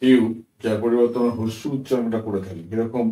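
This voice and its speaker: A man's voice: mid-range voice, fairly even intonation, mellow. Guy teaching english sounds, patient, keeps checking "ok?", echoey room, mic kinda far. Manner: patient, addresses viewers as friends, asks "ঠিক আছে?", corrects himself with "sorry"; slows down to spell out example words letter by letter. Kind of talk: spoken lesson, explaining pronunciation rules.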